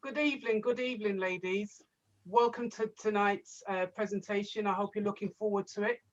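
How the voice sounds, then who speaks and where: A woman's voice: mid-range voice, fairly even intonation, fairly quick. A woman, a property coach greeting attendees of an online presentation, repeating words as she welcomes them. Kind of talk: casual webinar presenting. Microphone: video call. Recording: dull video call audio.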